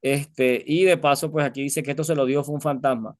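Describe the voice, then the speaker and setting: Man, preacher, fairly high voice, close dry sound, rhetorical questions. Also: steady tone, fairly quick, no room sound. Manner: storytelling with many rhetorical questions to listeners. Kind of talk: conversational sermon.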